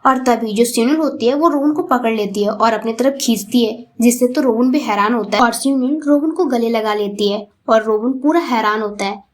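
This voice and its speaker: A woman's voice: a little high, normal speed, hardly any pauses. Woman chattily retelling a romance comic. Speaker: comic recap narrator. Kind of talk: casual storytelling recap.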